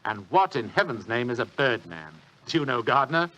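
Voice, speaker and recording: In the style of 1940s radio drama, a male actor plays a lazy, pompous, shrewd British government official who grumbles with dry superiority. His medium-pitched voice is sing-song and sharp at a moderate pace, sounding shrewd and intent. The recording quality is low.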